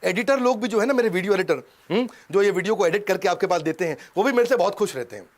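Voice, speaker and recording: A middle-aged man giving an energetic seminar talk as a motivational business coach, punchy and rhythmic, switching suddenly between loud bursts and hushed lines. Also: high-pitched, fast talker. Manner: mimics voices and sound effects. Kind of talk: energetic Hindi seminar talk mixed with English.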